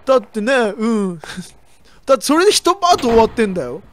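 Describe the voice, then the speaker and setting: Excitable woman streamer, lively voice. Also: a little high, brisk, slight background noise. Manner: excitable, chatty, with sudden shrieks. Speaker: game streamer. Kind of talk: let's play commentary.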